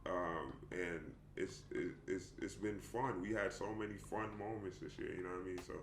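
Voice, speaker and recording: A man's voice: deep voice, steady tone, moderate pace, slight background noise. A young adult man hosting a casual interview, laid-back and slangy, calling his guest "bro". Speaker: podcast host. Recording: echoey room.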